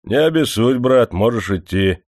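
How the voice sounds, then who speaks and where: A man's voice: mid-range voice, expressive, unhurried, a little mellow, no echo, clean studio sound, voice pushed up. A man reading an audiobook who voices a greedy, hypocritically pious factory manager, scolding and mocking the workers. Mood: scornful. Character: pompous sanctimonious male factory manager, greedy. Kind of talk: audiobook character voice.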